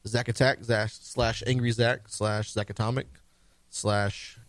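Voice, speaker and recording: A man's voice: fairly low pitch, level tone, unhurried, dry recording. A man hosting a radio show in a studio, chatting casually. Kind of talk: casual chat.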